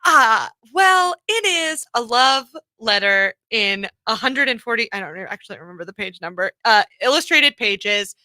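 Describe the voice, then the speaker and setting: A comedian and author from Missouri chats as a radio guest. She tells her stories in an animated way, full of quick asides. Her voice sits fairly high and sounds bright, and the studio mic keeps it dry. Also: no echo. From Missouri, USA. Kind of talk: casual radio interview chat.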